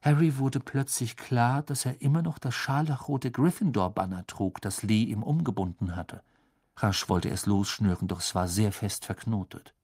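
Mann liest dramatisch vor, rau, nah am mikro, kein hall. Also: male voice, fairly low pitch, normal speed, breathy edge, clean studio sound. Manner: expressive, dramatic storytelling. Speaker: audiobook narrator. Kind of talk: scripted audiobook narration.

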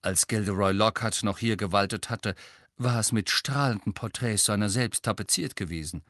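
A man narrating an audiobook in a steady, measured reading. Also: on the low side, no room sound, studio quality. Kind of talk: scripted narration.

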